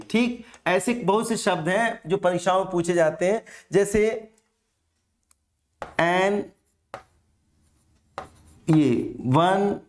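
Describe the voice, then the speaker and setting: A man teaching an exam-prep English grammar lesson, explaining step by step and asking and answering his own questions. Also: high voice. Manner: slow and deliberate, stretching example words.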